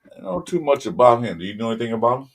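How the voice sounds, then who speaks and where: A man with a Southern California accent hosting a casual sports podcast, rambling loosely with lots of ums and shout-outs to viewers. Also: mid-range voice, big pitch swings, very fast. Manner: loose, rambling delivery with many ums, greets viewers mid-talk. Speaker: podcast host.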